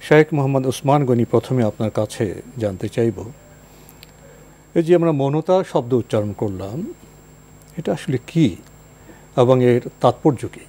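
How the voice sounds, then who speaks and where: Warm-voiced male talk show host. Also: medium pitch, animated, breathy edge. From Bangladesh. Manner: polished, courteous, measured. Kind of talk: formal TV talk show hosting.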